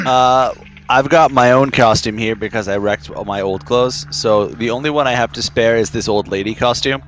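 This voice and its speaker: Man chatting over music, middling pitch. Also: moderate pace, fairly bright tone, low-quality recording. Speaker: tabletop game player. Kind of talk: casual in-game chat.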